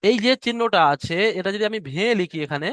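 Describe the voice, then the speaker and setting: A man teaching Quran reading in a recorded online lesson, explaining patiently and spelling out syllables slowly. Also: sits high, expressive, a bit bright, dry recording, studio quality.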